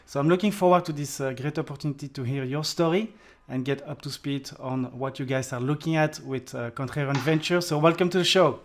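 A man's voice: fairly high pitch, brisk, slight background noise. A man hosting a podcast interview, upbeat and talking with frequent fillers. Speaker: podcast host.

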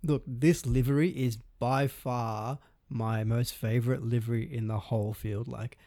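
A man's voice: mid-range voice, steady tone, a little slow, warm tone, no room sound, studio quality. An Australian man co-hosting a podcast, chatting casually in a jokey, upbeat way. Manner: jokey, upbeat, often starts with "look". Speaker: podcast co-host. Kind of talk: casual chat.

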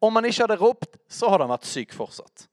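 A man giving a conversational teaching sermon, with a high voice that swings widely in pitch. He talks directly to his listeners and keeps checking in with them through short questions. The sound is close and dry, with no room around it. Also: big pitch swings, no room sound. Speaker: preacher teaching on worship.

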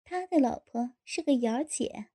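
A woman narrating an audiobook in a steady storytelling delivery. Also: high voice, moderate pace, husky.

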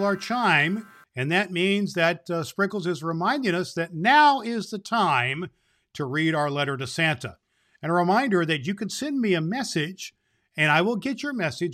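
This Santa Claus is a male host reading stories to children, full of fond, emphatic repetition. He speaks in a mid-range voice with a fairly bright tone.

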